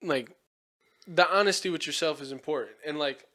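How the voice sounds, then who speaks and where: Young guy hosting a podcast, kinda high voice, says like a lot, swears constantly. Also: normal speed, sharp tone. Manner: swearing, rambling with many fillers. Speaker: podcast host. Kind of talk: casual podcast chat.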